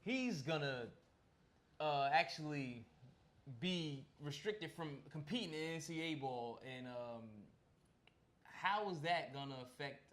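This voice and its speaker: A man's voice: on the high side, lively intonation, measured pace, a bit bright. A man co-hosting a podcast, chatting casually and animatedly about basketball, often asking questions. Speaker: podcast co-host. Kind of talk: casual sports chat.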